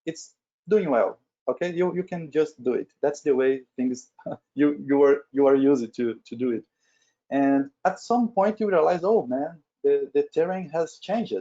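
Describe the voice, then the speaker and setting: A middle-aged Brazilian man, a native Portuguese speaker with a Brazilian accent, presents informally at a webinar as an agile leader at a retail company. His voice is fairly high-pitched, unhurried and dark in tone, and he's conversational, often tagging statements with "right?". The webinar audio is dull and lo-fi.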